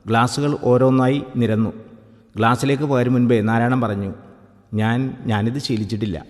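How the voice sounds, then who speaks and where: A man reading a story aloud in a calm, even storytelling manner. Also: mid-range voice, big-room sound. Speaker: narrator. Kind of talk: scripted story narration.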